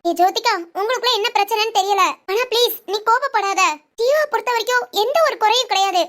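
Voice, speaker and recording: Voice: very high-pitched, fast talker, a bit bright. A performer voicing an earnest young woman friend who keeps coaxing with persistent questions.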